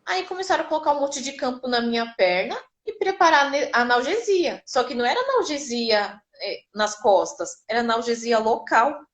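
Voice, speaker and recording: A woman's voice: on the high side, animated, brisk, hardly any pauses. A Brazilian woman telling her birth story casually and vividly, acting out the people she quotes. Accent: Brazilian Portuguese.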